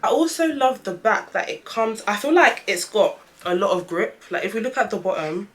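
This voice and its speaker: A woman's voice: medium pitch, normal speed, a little hiss or hum. A young woman with a lisp with whistling s sounds, chatting casually and emphatically as she reviews a product in a vlog. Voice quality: lisp with whistling s from dental aligners. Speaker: vlogger reviewing trainers.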